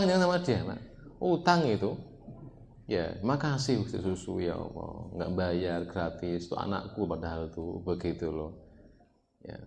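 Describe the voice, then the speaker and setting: A man with a Javanese accent preaching a sermon, lively, often questioning the listeners and jumping up in pitch. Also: slight background noise. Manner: lively, keeps asking the audience questions, sudden high jumps. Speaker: Islamic preacher. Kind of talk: sermon to a live congregation.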